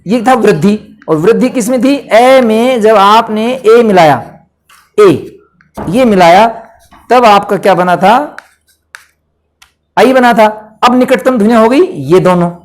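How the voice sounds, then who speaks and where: A man's voice: high voice, a little slow, pauses often. A man teaching a grammar lesson for exam preparation, patiently explaining step by step and asking the listener questions as he goes.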